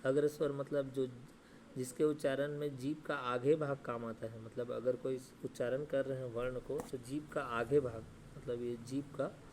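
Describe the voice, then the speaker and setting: Male teacher, mid-pitched, monotone delivery, quizzes and answers himself, stretches sounds to demonstrate, faint background noise. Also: normal speed. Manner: asks questions and answers them himself; repeats "ठीक है" and "है ना" often. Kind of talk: Hindi grammar lesson.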